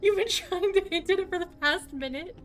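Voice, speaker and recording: A woman's voice: very high voice, fairly quick, a bit bright, faint music behind. A woman chatting casually on a game livestream in a hyped, slangy gamer manner, exclaiming and giggly. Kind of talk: casual, excitable gaming livestream chat.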